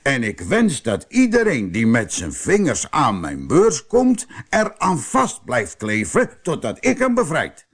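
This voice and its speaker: A man voicing a cunning, easygoing male shoemaker who talks calmly and slyly. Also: mid-range voice, unhurried, few pauses, husky, voice pushed up, full character voice. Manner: calm, sly and friendly.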